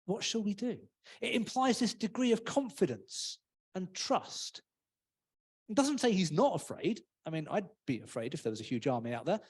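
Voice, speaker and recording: A man's voice: sits high, big pitch swings, normal speed, a little mellow, slightly rough. A man giving a casual, humorous sermon in a church, often acting out voices. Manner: chatty, humorous, acts out voices. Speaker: preacher.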